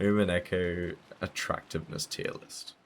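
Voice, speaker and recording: A man's voice: deep voice, little pitch movement, moderate pace, slight background noise. A man streaming a visual novel, moving between casual chat and reading the story's narration aloud.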